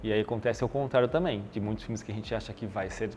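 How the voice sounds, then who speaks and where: This podcast guest, a man with a Brazilian Portuguese accent, talks fast in a lowish voice about his marketing job against a noisy background. His manner is casual and explanatory, packed with fillers.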